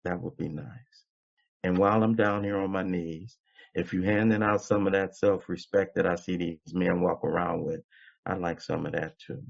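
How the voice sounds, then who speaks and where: Gravelly older man giving testimony. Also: low voice. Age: 70s. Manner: impassioned, preacher-like, repeats phrases for emphasis. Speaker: guest speaker at a recovery meeting. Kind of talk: recovery meeting testimony. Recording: dull lo-fi recording.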